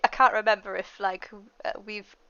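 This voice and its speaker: A woman chatting casually as a player in a tabletop game, quick with asides. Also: medium pitch, fairly even intonation, pushed and bright, dull audio.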